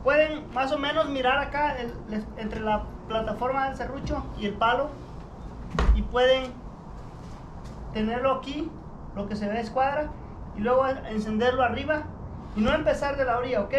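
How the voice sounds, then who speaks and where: A man's voice: extremely high pitch, normal speed, roomy sound, noisy background. A man narrating his own home repair video, explaining each carpentry step in a casual way and often checking in with "ok?". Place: outdoor workshop by a shed.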